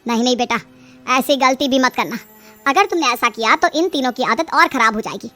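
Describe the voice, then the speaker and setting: A woman's voice: high-pitched, expressive, a little fast, sharp tone. A woman voicing a middle-aged mother-in-law in a story, coaxing and plaintive as she schemes. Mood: exasperated. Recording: music behind the voice.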